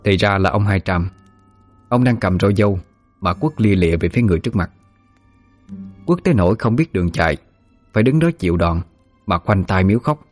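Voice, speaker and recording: A man's voice: deep voice, animated, fairly quick, long pauses, no room sound, soft background music. A man narrating a ghost story vividly.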